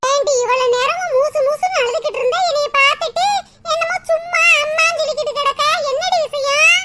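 Super high squeaky village auntie, nagging, southern tamil nadu dialect, hissy audio. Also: female voice, fairly quick, bright, forceful tone. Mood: scolding. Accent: southern Tamil Nadu rural dialect. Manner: chiding, talkative, lecturing. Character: scolding village auntie, middle-aged woman.

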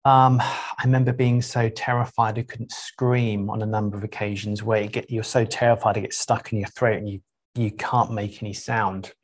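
Man giving an unhurried spiritual talk. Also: on the low side, flat delivery. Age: middle-aged. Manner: unhurried, pausing, with frequent 'um's. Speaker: spiritual teacher. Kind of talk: reflective talk to a group.

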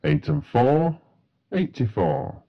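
A man's voice: on the high side, lively intonation, slow pace, gravelly, muffled recording. A man working as a bingo caller, announcing numbers in set phrases with a matter-of-fact delivery.

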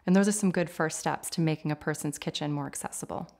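A woman in her forties, an occupational therapist, explaining things in a clear, measured, instructive way in a home kitchen. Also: low-pitched, darkish tone. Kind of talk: explanatory interview talk.

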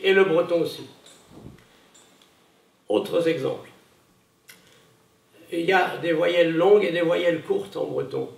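A man's voice: a little high, gravelly, darkish tone, distant mic. A man giving a public conference talk, hesitant, with many fillers and restarts. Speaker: conference speaker. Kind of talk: public lecture. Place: lecture hall. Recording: echoey room, voice from afar.

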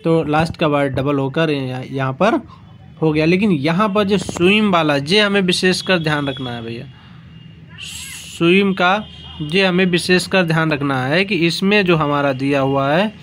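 A male teacher giving an exam-prep grammar lesson, explaining slowly and repeating himself, spelling out letter by letter. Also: a little high, fairly bright tone, a little hiss or hum. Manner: slow, repetitive explaining, spelling words out letter by letter.

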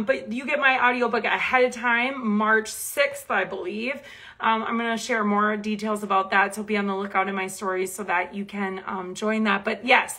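Upbeat Minnesota woman, bright voice; live-stream chat and prayer, enthusiastic and warm-pitched high. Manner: chatty and enthusiastic, reads viewer comments aloud. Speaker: Bible teacher and author hosting a live stream.

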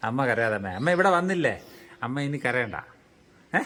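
A man interviewing a resident at a care home, gentle and reassuring, often repeating his words of comfort. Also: medium pitch, sing-song, moderate pace. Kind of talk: consoling interview.

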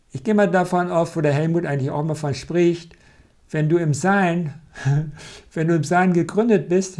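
A man with a voice on the high side leads a live spiritual talk as a meditation teacher. He stays calm and gently reassuring, frequently adding a questioning tag to check in.

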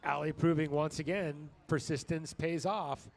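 High-voiced man doing color commentary. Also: steady tone, measured pace, creaky. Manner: short interjections and lineup calls. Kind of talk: live sports commentary.

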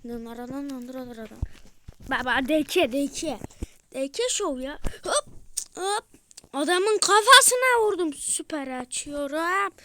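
Very high-pitched excitable woman gamer. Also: measured pace. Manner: excitable, shouts and chants, drops to whispers. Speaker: gamer playing a football video game. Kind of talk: excited let's-play commentary.

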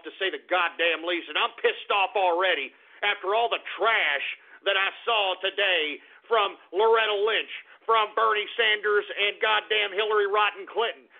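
An internet talk radio host rants loudly and profanely in a high-pitched voice, clearly exasperated and breaking into sudden shouts. The audio is tinny and lo-fi, like a phone line.

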